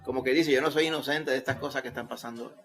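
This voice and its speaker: A male pastor with a Puerto Rican accent preaching a Sunday sermon, rising to loud emphasis when quoting scripture. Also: medium pitch, fairly even intonation, fast. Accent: Puerto Rican Spanish.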